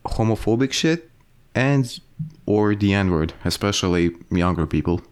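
Low-voiced young Croatian guy, blunt and slangy. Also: expressive, a little slow, clear, resonant tone. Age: teenager or young adult. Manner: slangy, blunt, says "bro" often. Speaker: podcast co-host. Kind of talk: casual chat.

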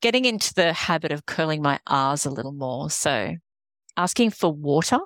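A woman's voice: deep voice, lively intonation, fairly quick, fairly bright tone, no echo. A middle-aged woman with an Australian accent, talking earnestly as an interview guest, restarting her sentences often. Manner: earnest, rambling with frequent restarts. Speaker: guest, executive coach. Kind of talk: casual interview conversation.

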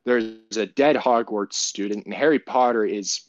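A man's voice: fairly low pitch, measured pace, no room sound, lo-fi sound. A man co-hosting a casual podcast, retelling a story in a profane, rambling way with many restarts. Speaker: podcast co-host.

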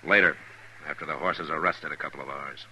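Old-radio western marshal, real deep forceful voice, stern and terse, bit of hiss and noise. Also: male voice, fairly even intonation, full character voice. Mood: measured, probing. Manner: laconic, commanding, measured. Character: stern, steady male frontier marshal, patient but firm. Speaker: lead actor in a radio western. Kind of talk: 1950s radio drama acting. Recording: noisy vintage 1950s radio broadcast recording.

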